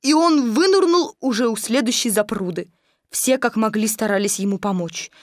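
A woman narrating a children's storybook aloud with an expressive, even-paced reading. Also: fairly high pitch, normal speed, no echo, studio quality.

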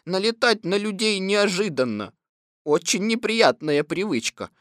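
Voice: medium pitch, animated, fairly bright tone, no room sound, studio quality, voice pushed up. A reader voicing a gloomy, grumbling old male donkey in an audiobook. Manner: slow, glum, long-winded. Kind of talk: audiobook reading.

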